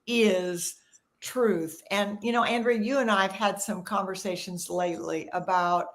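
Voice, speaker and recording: A woman's voice: mid-range voice, steady tone, normal speed. An older woman, a professional organizer, talking in an earnest, emphatic and reflective way in a casual conversation.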